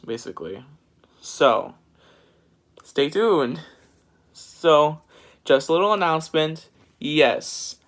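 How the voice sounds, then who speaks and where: A man's voice: medium pitch, fairly bright tone. A teenage boy talking casually to his vlog viewers, rambling and switching accents now and then. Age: teens. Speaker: vlogger. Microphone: phone.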